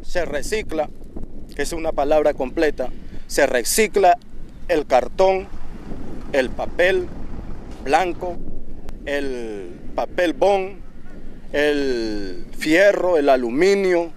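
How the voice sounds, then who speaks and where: A man's voice: a little high, animated, slow pace, long pauses, a little hiss or hum. A young man, speaking earnestly and proudly in an outdoor documentary interview, often repeating words and restarting. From Ecuador. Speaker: waste picker interviewee. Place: outdoors at a landfill. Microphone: handheld interview mic.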